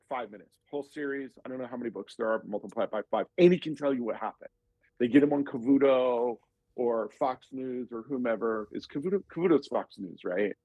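A man's voice: medium pitch, slightly rough, no echo, lo-fi sound. A man co-hosting a podcast in casual chat, talkative and joking. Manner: chatty, joking, does playful impressions. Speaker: podcast co-host.

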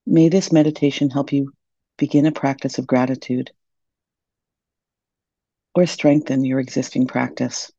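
A woman leading a guided meditation in a soft, soothing, gentle manner, on a dull lo-fi recording. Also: a bass voice, little pitch movement, unhurried, long pauses, no room sound.

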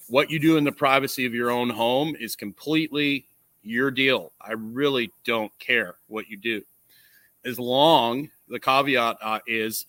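A man wearing a nasal strip hosts a casual livestream, talking earnestly and explaining his views, often checking in with a quick "right?" or "okay?". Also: medium pitch, sharp tone, dry recording. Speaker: livestream host, coach. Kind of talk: casual livestream monologue, opinion talk. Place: outdoors.

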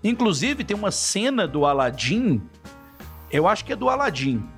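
A man hosting a casual podcast English lesson, acting out example phrases in a lively way. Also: high-pitched, normal speed, faint music behind. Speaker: English teacher, podcast host.

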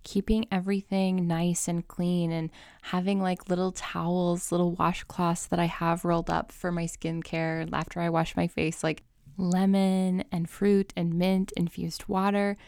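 Upbeat advice-vlogger woman with creaky voice. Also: fairly low pitch, flat delivery, unhurried, a little mellow, no echo, studio quality. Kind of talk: casual personal vlog giving tips.

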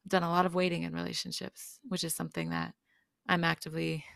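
Low, gravelly woman in her twenties, dreamy. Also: little pitch movement, quick pace, a bit bright, no echo, studio quality. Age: 20s. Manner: dreamy, musing, lingering on words. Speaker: podcast guest. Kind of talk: reflective podcast conversation.

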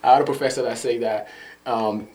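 A man's voice: medium pitch, fairly even intonation, brisk, a little mellow, slight background noise. A middle-aged man from Liberia with a Liberian accent, speaking as a therapist guest in a casual conversation, often repeating words as he searches for phrasing.

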